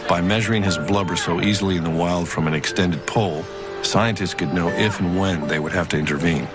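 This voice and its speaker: A man's voice: sits low, fairly quick. A man narrating a nature documentary from a script. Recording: music playing behind the voice. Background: prominent music.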